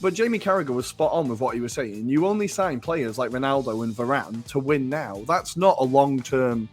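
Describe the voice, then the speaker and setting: A man co-hosting a football podcast, talking in an animated way, laughing and swearing now and then. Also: mid-range voice, brisk, soft background music. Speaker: podcast co-host. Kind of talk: casual football analysis.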